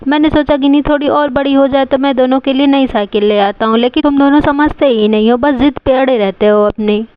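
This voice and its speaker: A woman voicing a patient middle-aged father who calmly coaxes his child in a doll story. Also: high voice, fairly quick, clear, resonant tone, no echo, lo-fi sound, natural voice. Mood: exasperated. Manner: calm, coaxing, gently firm.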